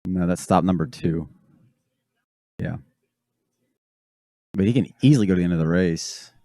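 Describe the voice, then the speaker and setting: A man's voice: sits low, moderate pace, dark tone, no room sound, studio quality. A man co-hosting a casual race-watching chat, blunt and sardonic, swearing now and then. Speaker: podcast co-host.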